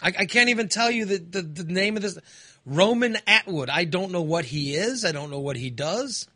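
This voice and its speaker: Animated, bright-voiced American radio host. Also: male voice, high voice, no room sound. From United States. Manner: rambling, halting, with restarts and fillers. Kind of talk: casual radio chat.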